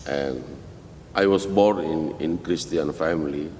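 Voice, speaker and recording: Slow, deep-voiced Indonesian pastor. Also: male voice, darkish tone. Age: middle-aged. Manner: halting non-native English with many restarts. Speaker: missionary pastor, guest. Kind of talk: interview answers. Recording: roomy hall with faint rumble.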